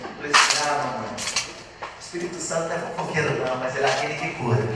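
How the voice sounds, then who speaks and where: A Brazilian pastor with a São Paulo interior accent preaching a Pentecostal testimony sermon, acting out dialogue and rising to loud fervent calls. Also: male voice, mid-range voice, very fast, over a noisy crowd. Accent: São Paulo interior Brazilian Portuguese. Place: church hall. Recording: very echoey church hall, voice from far off.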